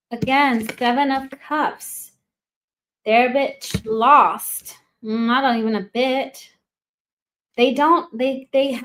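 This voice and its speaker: Woman tarot reader, slightly high voice, rambling live delivery, faint noise. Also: fairly bright tone. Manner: rambling, thinking aloud, trailing off. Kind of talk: casual tarot reading livestream.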